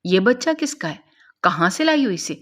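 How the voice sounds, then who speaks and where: A woman's voice: mid-range voice, lightly acted. A woman playing a stern scolding old mother. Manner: scolding, urgent. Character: stern, worried older mother.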